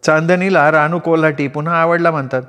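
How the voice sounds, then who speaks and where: A man voicing a bold, sharp-tongued village woman in a raised, lively voice. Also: smooth, close to an everyday voice. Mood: teasing. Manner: raised, lively pitch, scolding and quick. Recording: long reverb.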